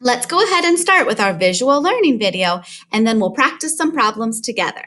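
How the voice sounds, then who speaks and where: A woman's voice: a little high, big pitch swings, fairly quick, a bit bright. A woman teaching kindergarten math in a sing-song kids show host manner, speaking directly to children and counting along.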